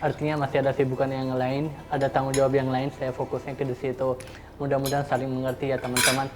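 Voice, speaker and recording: A man's voice: medium pitch, monotone, fast talker. A man in his twenties, a foreigner speaking Indonesian as a second language with a foreign accent, chatting casually and politely as a vlog host. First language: not Indonesian, still learning it. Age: 20s.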